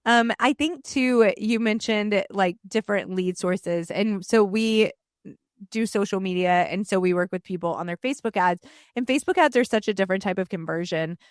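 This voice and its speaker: A woman's voice: medium pitch, normal speed, no echo, clean studio sound. A woman hosting a podcast interview, chatty and casual with frequent fillers. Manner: warm, chatty, many fillers. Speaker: podcast host.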